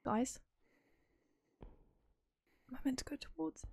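A woman's voice: sits high, takes it slowly, creaky, dark tone, a little hiss or hum. A woman talking to herself as she plays a horror game, jittery and joking, with game music playing behind her. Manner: jittery, talks to herself, jokey. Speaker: gaming streamer. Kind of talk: horror game let's-play commentary.

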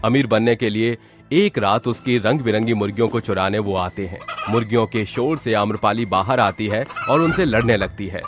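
A man narrating a cartoon horror story in an even, measured storytelling voice. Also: lowish voice, soft background music.

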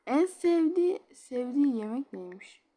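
A woman's voice: high voice, big pitch swings, moderate pace, mellow. A woman chatting casually while she plays a game, giggling often and reading chat messages aloud. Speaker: game streamer. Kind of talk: casual gameplay commentary.

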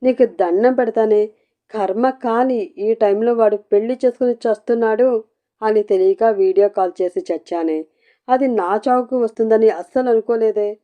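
A woman's voice: a little high, moderate pace, lo-fi sound, lightly acted. A woman voicing a middle-aged aunt who scolds and pleads in exasperation. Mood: pleading.

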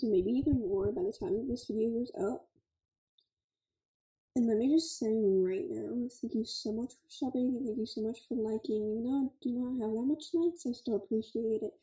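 A woman's voice: on the high side, dark tone, reverberant, low-quality recording. A young woman, giving chatty, scattered gameplay commentary full of "like" and "okay" as a gaming channel host.

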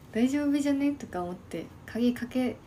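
Woman in her early 20s, casual live-stream chat, soft half-whispered delivery, mellow tone, streaming from home. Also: high-pitched, lively intonation, measured pace, slight background noise. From Shimane, Japan. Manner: soft, quiet, often half-whispered talk. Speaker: livestream host. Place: at home by an open window.

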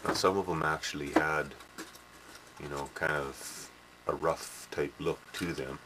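In a small indoor workshop, a very deep-voiced hobby modeler rambles through a casual demo at a measured pace, steady in tone yet sharp. He restarts often, uses lots of fillers and tacks on "eh," all on noisy home camcorder audio.

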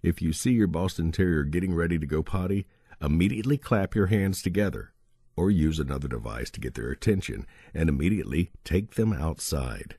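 A man with a very low, husky voice narrates a training guide in a steady, instructive way, and his pitch moves a great deal. The recording is dry and close. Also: fairly quick, no room sound. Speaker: audiobook narrator. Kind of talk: scripted narration of a dog-training book.

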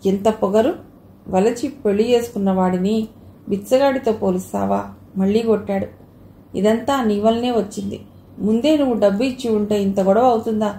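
A man's voice: sits high, moderate pace, warm tone. A woman voicing a curt, scornful young husband in a narrated audio novel. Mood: angry. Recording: echoey room, faint hiss.

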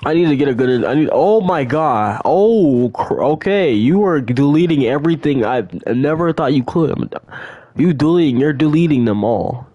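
A young man giving casual, rambling commentary on his survival game, often repeating excited exclamations. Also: on the high side, moderate pace, no echo, dull audio. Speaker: gaming channel host.

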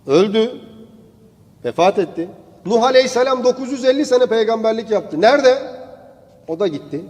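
Man preaching a sermon with high pitch. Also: a little mellow, in a large hall. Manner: storytelling, rising into emphatic declaiming.

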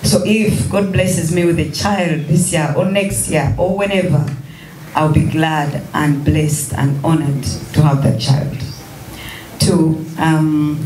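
A woman in her thirties answering questions at a press conference in a measured, gentle way. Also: low-pitched, fairly even intonation. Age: 30s. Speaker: guest artist at press conference. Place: large room at a press table. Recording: echoey room, faint noise.

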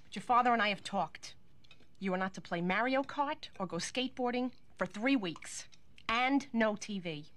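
A woman's voice: fairly high pitch, lively intonation, normal speed, a bit bright. A middle-aged actress playing a firm mother laying down rules for her son at dinner, in a TV drama. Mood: stern. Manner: firm, stern. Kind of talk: TV drama acting.

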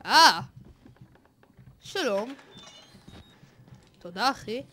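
A man hosting a horror game let's play, excitable and jokey, swearing often and yelling at the scares. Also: very high voice. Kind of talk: gaming commentary.

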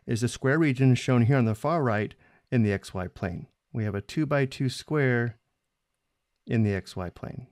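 A man explaining a math problem step by step in a screencast lesson, steady and methodical. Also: mid-range voice, normal speed, no echo, clean studio sound. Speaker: math instructor.

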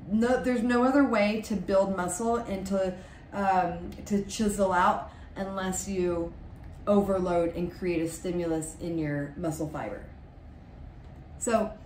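A woman's voice: medium pitch, a little mellow, far from the mic, slight background noise. A woman in her forties hosting a fitness podcast, talking casually and upbeat with plenty of fillers as she coaches listeners from a small home office. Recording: echoey room, voice a little off-mic.

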